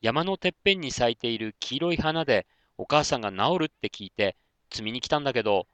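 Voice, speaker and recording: Man doing an eager young boy, bright and boyish, lively voice. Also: medium pitch, brisk, clean tone, no echo, lightly acted.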